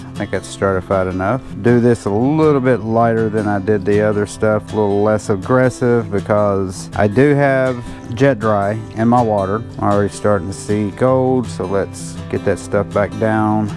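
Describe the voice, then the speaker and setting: Low-voiced chatty man over soft guitar. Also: moderate pace, hardly any pauses. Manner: chatty, joking self-mockery, talks while working. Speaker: gold panning channel host. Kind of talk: casual hands-on demo vlog.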